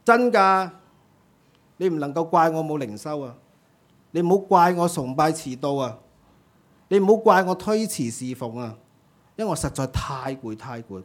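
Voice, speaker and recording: A man playing a whining, worn-out ant student. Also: fairly high pitch. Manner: complaining, breathless, pleading. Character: overworked whining ant student praying to God.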